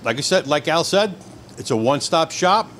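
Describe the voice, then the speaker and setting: A man's voice: on the high side, animated, a bit bright, slight background noise. A middle-aged man who owns a deli, speaking into a handheld mic in a friendly, upbeat way. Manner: friendly, upbeat, listing things quickly. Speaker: deli owner. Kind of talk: casual on-camera intro. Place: indoors in a deli kitchen.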